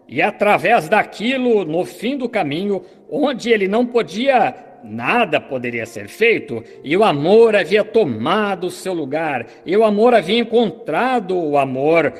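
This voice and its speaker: A man preaches with fervent conviction, his voice sitting high and swinging widely in pitch. The sermon carries the even cadence of a dubbed translation, and a long hall reverb trails behind every phrase. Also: breathy edge.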